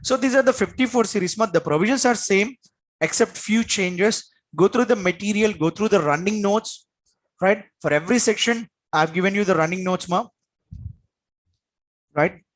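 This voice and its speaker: Speaking at normal speed, a man whose voice sits high teaches a class as an exam coach. His Indian accent comes through as he repeats points emphatically and keeps asking check-in questions.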